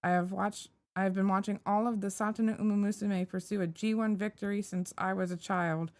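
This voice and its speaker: A woman's voice: mid-range voice, steady tone, brisk, natural voice. A woman voicing an earnest, determined young female racer, reading skit lines aloud as if rehearsing. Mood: wistful.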